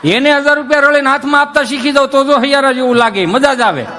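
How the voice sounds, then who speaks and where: A man's voice: very high voice, quick pace, music in the background. A middle-aged man, a folk comedian telling stories and teasing and lecturing his listeners in a playful, preachy way. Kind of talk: comic dayro storytelling to an audience.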